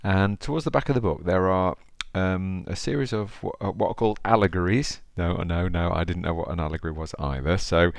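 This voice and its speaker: A man's voice: low voice, a little fast, creaky, hardly any pauses, no room sound. A man with an East Midlands accent from Derby, hosting a podcast in a chatty, informal way, speaking straight to the listener as he talks and reads. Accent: East Midlands English, Derby. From Derby, England. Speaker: podcast host. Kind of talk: informal solo podcast talk and story reading.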